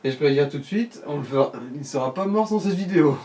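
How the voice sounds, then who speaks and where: A man provides casual, slangy let's play commentary, guiding the player in a colloquial way. His voice is a little high yet dark in tone, animated and fast, and he sounds far from the mic, with background noise behind him.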